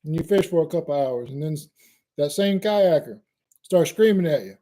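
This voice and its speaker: A man spins a fishing yarn in loose, friendly chat. His voice sits a bit high but sounds mellow and warm in tone. He tells it with animated swings and laughs along at his own jokes. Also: moderate pace. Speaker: fishing channel host. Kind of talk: casual storytelling chat.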